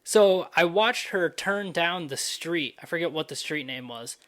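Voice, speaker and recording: A man's voice: on the high side, expressive, unhurried, a bit bright. A young man hosting a podcast, telling a story in a loose, profane, casual way full of fillers. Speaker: podcast host.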